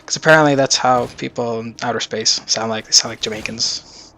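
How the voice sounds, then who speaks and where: Gravelly chatty young gaming vlogger man. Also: medium pitch, steady tone, a little fast, pushed and bright, slight background noise. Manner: rambling, loose and chatty. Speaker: gaming YouTuber. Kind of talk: casual video game prediction vlog.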